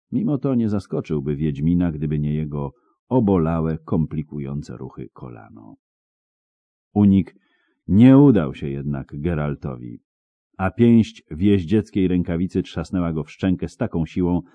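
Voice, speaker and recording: A man's voice: rumbling low, mellow, dry recording, highs cut off. A man narrating an audiobook in a dramatic, vivid storytelling manner, close to the mic.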